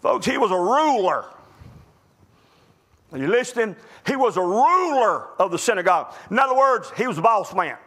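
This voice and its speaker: A pastor preaches a sermon emphatically at normal speed, with a sing-song quality. He swings between loud, urgent pleading and low, quiet asides.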